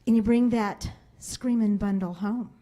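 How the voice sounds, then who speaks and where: A woman's voice: mid-range voice, fairly even intonation, measured pace, dark tone. A woman sales trainer speaking to a seminar audience in a room, telling stories and acting out family voices. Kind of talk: seminar talk to a live audience.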